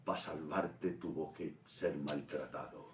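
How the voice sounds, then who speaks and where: A man with a Spanish accent from Spain, preaching a sermon in an animated storytelling way. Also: rumbling low, unhurried, background noise. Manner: animated storytelling preaching, rising to loud peaks. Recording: roomy echo from a distant mic.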